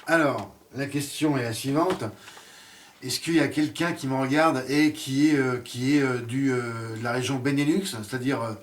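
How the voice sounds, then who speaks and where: A man's voice: mid-range voice, fairly even intonation, moderate pace, distant mic. A man giving a casual spoken series review, hesitant and full of fillers and restarts.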